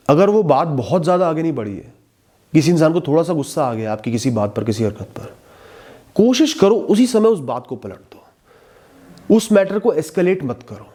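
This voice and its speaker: A man giving calm, measured advice in a talk, often dropping to a soft, hushed tone. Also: a little high. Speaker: motivational speaker.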